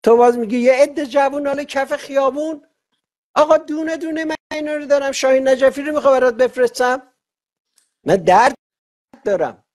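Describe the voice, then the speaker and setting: Male host, high voice, lively storyteller in a casual live chat. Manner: animated, rambling storytelling with quoted dialogue. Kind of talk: live-stream conversation.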